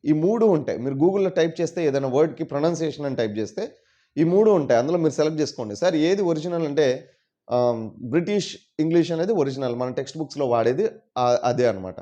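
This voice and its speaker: A man's voice: a little high, warm tone. Man teaching on a dull recording. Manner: explains patiently, repeats words slowly for drills. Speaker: English teacher. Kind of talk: casual video lesson. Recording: dull lo-fi sound.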